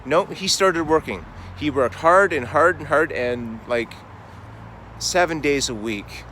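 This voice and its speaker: A man telling a faith story in a casual, conversational sermon, animated and dramatic, speeding up and slowing down as he goes. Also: mid-range voice, a little hiss or hum. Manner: animated, conversational, dramatic swings in pace and volume.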